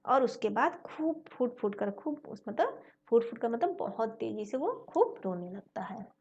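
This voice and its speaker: A woman's voice: fairly high pitch, big pitch swings, moderate pace, a little mellow, dull audio. Woman teacher retelling a story lesson. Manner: retells each line, then paraphrases it and asks rhetorical questions. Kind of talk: Hindi lesson explaining a story.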